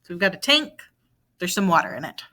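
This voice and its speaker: Bright-voiced woman teaching a math lesson. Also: lowish voice, sing-song, brisk. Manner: patient, asks and answers her own questions. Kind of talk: recorded video lesson.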